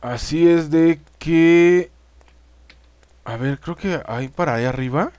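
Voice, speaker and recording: A man's voice: on the high side, slow, a little mellow, clean tone, no room sound. A man with a Mexican accent giving casual let's-play commentary, chatting straight to his viewers and swearing freely. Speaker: gaming YouTuber.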